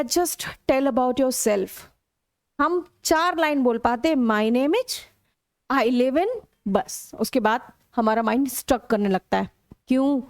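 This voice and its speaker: High-voiced Indian woman teaching English. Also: dry recording, studio quality. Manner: explains step by step, acts out sample sentences with lively intonation. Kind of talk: classroom lesson in Hindi with English examples.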